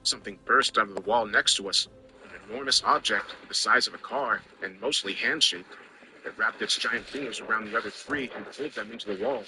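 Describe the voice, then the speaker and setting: A man's voice: fairly low pitch, fairly quick, noisy background. A man narrating a scripted first-person story in a wry, conversational way.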